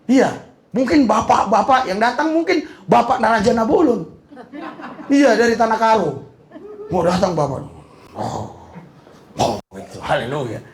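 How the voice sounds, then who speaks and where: Joking middle-aged pastor in an echoey hall. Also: male voice, high voice, big pitch swings, unhurried, pauses often. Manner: joking, laughing, mixing in slang. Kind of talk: humorous sermon.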